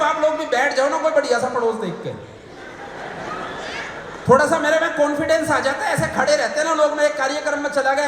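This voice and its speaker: A man with a Haryanvi accent doing stand-up comic poetry on stage, loudly shouting his punchlines and acting out family dialogue. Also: very high-pitched. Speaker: comic poet. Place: large hall at a live poetry show. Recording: very echoey hall with long reverb, faint noise.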